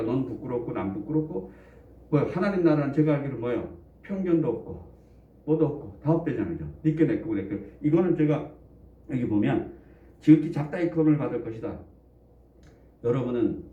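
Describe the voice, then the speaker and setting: A man's voice: mid-range voice, slight background noise. A man preaching a sermon in a conversational way, often putting questions to the congregation and joking between points. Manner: jokes and chuckles between points. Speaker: pastor. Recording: echoey room, distant dull mic.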